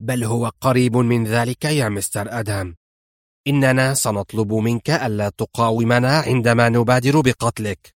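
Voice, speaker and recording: A man's voice: medium pitch, normal speed, dry recording, studio quality, close to an everyday voice. A man reading an audiobook and voicing a cunning, smug old male villain in a wheelchair. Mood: sly, smug. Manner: smug, mocking, theatrical.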